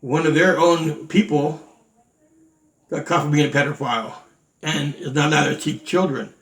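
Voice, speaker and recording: A man's voice: a little high, steady tone, moderate pace, a bit bright, low-quality recording. A man bluntly recounting a dispute in casual storytelling, indignant, swearing freely and using many fillers. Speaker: martial arts instructor recounting events. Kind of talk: candid storytelling.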